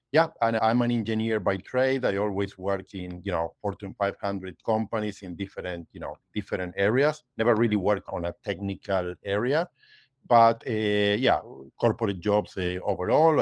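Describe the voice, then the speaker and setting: A man, a guest in a casual interview, explaining things step by step in a measured way with many fillers. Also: fairly low pitch, dry recording. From Argentina. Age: 50s. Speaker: guest, realtor and investor.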